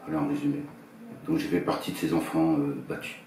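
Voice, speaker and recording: A man in his fifties from northern France, a musician and songwriter, answering interview questions in a quiet, low-key voice that trails off. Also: steady tone, fast, slight background noise. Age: 50s. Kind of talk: soft-spoken interview answers. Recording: echoey room, heard from a distance, guitar music behind.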